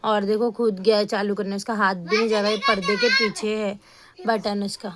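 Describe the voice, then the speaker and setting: A woman's voice: mid-range voice, animated, normal speed, over a noisy crowd. A woman who is a mother, chatting casually to her phone camera in her home kitchen, teasing her son and talking through her chores. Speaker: vlogger, mother. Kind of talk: casual home vlog narration. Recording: noisy home recording.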